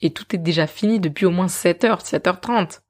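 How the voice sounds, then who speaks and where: Lively woman narrating a podcast. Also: on the low side, fairly quick. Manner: lively, self-mocking, laughs often. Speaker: podcast host.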